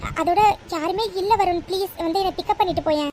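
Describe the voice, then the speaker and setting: A woman's voice: extremely high pitch, quick pace, darkish tone, slight background noise. A woman voicing an anxious young woman stranded at a bus stop, pleading for help in a cartoon. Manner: pleading, worried. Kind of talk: cartoon voice acting.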